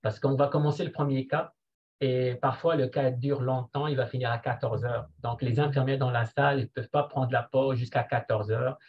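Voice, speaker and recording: A man speaks in a medium voice over muffled, dull online audio. He works through figures slowly and deliberately, stopping often to hesitate. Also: mid-range voice, fairly even intonation. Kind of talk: seminar presentation.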